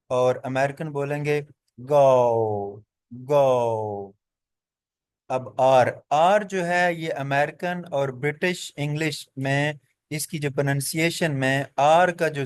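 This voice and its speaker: A man teaching pronunciation in a classroom-style explanation. He moves through each example deliberately and repeats every vowel sound several times. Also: on the high side, dry recording. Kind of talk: classroom explanation mixing Hindi and English.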